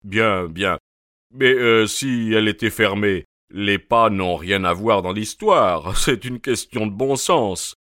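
A man voicing a stout, pompous police inspector with a husky, hoarse, breathless voice and a blustering, hemming manner. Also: lowish voice, slow pace, fairly bright tone, no echo, studio quality.

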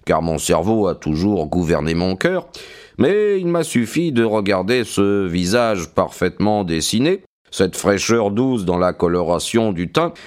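A man narrating a detective story as an audiobook, in an expressive, measured storytelling manner. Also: fairly low pitch. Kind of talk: dramatic audiobook reading.

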